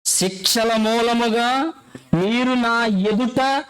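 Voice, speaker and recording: A man preaching a sermon. He fires off rhetorical questions, repeats phrases for emphasis, and moves between quick explanation and slow, drawn-out scripture reading. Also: very high-pitched, a bit bright, smooth, poor audio.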